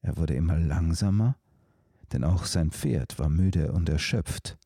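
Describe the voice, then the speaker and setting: A man narrating a storybook in a calm, measured way. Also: a bass voice, gravelly, husky, no echo, clean studio sound.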